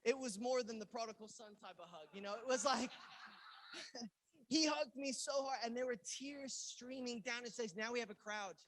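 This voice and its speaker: A male pastor from England preaching a sermon, telling a personal story and acting out the dialogue with sudden loud bursts. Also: very high voice, normal speed. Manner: animated storyteller who acts out quoted lines with loud outbursts. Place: church in Los Angeles.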